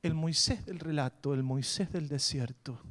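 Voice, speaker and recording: A middle-aged Argentine pastor preaching a sermon, moving between quiet storytelling and loud, rising preaching. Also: male voice, fairly high pitch, moderate pace. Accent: Argentine Spanish.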